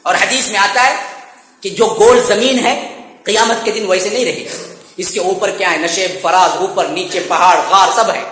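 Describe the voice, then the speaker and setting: High-voiced preacher man in an echoey hall. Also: steady tone, moderate pace. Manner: recites Arabic verses in a loud chant, then explains conversationally. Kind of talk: sermon.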